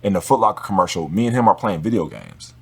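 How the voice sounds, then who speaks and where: A man talking as a guest in a relaxed, casual conversation, slangy and swearing freely. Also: low voice, fast talker, gravelly, husky. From Los Angeles area.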